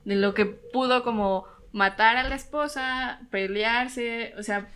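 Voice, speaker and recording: A woman's voice: a little high, slow, a bit bright, a little hiss or hum. A young Mexican woman co-hosting a casual true-crime podcast, chatty and slangy, laughing often. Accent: Mexican Spanish. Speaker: podcast co-host.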